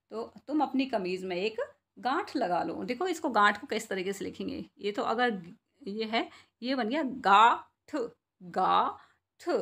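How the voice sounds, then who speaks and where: A woman teaching a Hindi reading lesson to young children, slowly sounding out syllables and asking and answering her own questions. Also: medium pitch, fairly bright tone. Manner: slow, drawn-out syllables when sounding out words.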